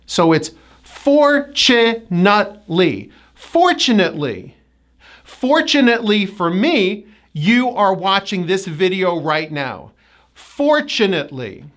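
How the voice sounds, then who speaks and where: Woman, North American accent, pronunciation coach; animated intonation, deliberate word-by-word delivery. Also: mid-range voice. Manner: models words slowly and clearly, stretching stressed syllables. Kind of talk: scripted pronunciation lesson.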